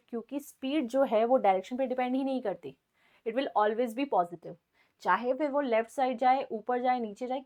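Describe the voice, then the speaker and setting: A woman delivers a physics lesson in a high, clear voice. She speaks slowly and deliberately, mixing Hindi and English. She often pauses to ask students whether they have understood. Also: fairly bright tone. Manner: mixes Hindi and English, keeps checking understanding with questions. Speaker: physics teacher. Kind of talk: classroom lecture.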